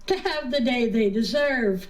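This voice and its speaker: A woman guest on a casual podcast chat, wry and quick to laugh. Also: on the high side, echoey room.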